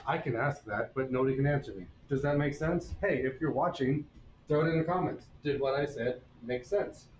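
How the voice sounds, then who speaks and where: A man's voice: medium pitch, a little fast, a little mellow, roomy sound, slight background noise, low-quality recording. A man teaching blacksmithing on a live stream, explaining each step in a folksy, casual way. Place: forge workshop.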